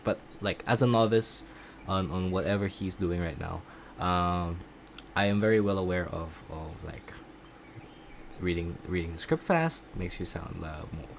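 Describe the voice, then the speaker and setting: A man chatting casually in a video diary about his voice acting classes, rambling and halting, often poking fun at himself. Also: low voice, a little hiss or hum. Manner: self-deprecating. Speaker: voice acting student vlogger.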